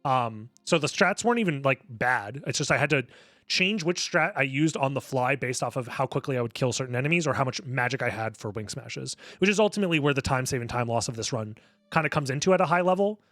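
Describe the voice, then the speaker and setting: A man's voice: medium pitch, expressive, fast talker, a bit bright, no room sound, clean studio sound. A man giving casual speedrunner commentary, explaining his play analytically, step by step. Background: music under the voice.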